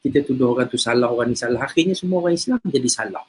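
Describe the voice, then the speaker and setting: A man with a husky, slightly breathy voice at an ordinary middle pitch. He talks easily about faith and character, slipping into stories and repeating words as he thinks. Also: very fast, darkish tone. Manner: chatty storyteller, repeats words. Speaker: religious teacher and host. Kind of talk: casual talk on faith and character.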